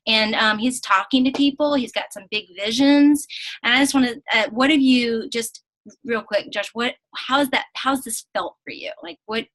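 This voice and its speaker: A woman coach leading a group call, upbeat and encouraging as she praises her team. Her voice is bright and sits a little high. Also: moderate pace, rough recording. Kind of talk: casual online team call.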